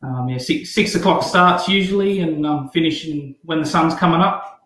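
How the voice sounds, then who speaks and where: A young man on a video call, speaking hesitantly with many pauses and fillers. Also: on the high side, a bit bright, reverberant, poor audio. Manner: hesitant, lots of ums. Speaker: guest business owner. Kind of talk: casual chat.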